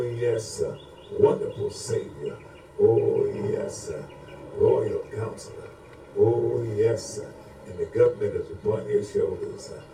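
With a fairly low, vocal-fried voice, a man preaches and prays extemporaneously, his fervent invocations repeating like a chant as he leads prayer. Faint background noise sits beneath a roomy echo.

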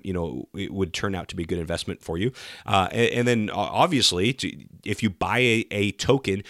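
A sick male podcast host with a groggy, lowish voice that rambles through an explanation and doubles back on itself. The sound is close and dry, with hardly any room around it. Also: a bit bright, no echo. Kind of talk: podcast intro and interview questions.

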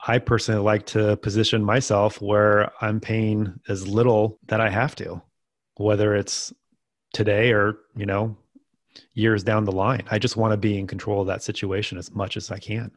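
Low-voiced man with dry sarcasm. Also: little pitch movement, moderate pace, no room sound. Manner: dry sarcastic asides, frequent fillers. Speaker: podcast co-host. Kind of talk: casual financial podcast talk.

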